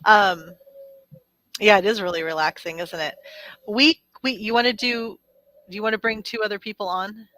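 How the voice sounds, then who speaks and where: Bright, dry-sounding woman host. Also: medium pitch, normal speed, pauses often, no room sound. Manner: chatty, laughing, swears offhandedly. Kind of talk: casual live-stream chat.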